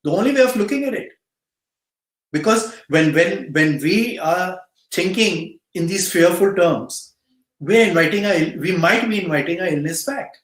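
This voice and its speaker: A middle-aged Indian-accented man, a cancer patient support volunteer, answers interview questions earnestly as a guest speaker and offers motivational advice to youth, repeating phrases for emphasis. His voice sits high and is fairly bright, animated and moderately paced, in a roomy, echoing recording.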